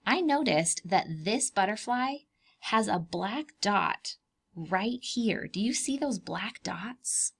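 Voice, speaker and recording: A preschool teacher hosting a read-aloud lesson speaks at mid-range pitch, slowly, with a husky voice and vocal fry. She explains things simply and expressively, stresses key words for the small children and asks her young listeners questions.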